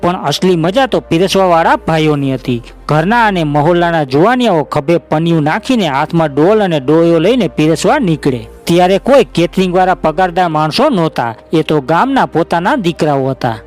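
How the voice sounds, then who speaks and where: A man's voice: fairly high pitch, lively intonation, moderate pace, soft background music. A man giving scripted documentary narration in an emotive storytelling manner, speaking to his listeners as friends.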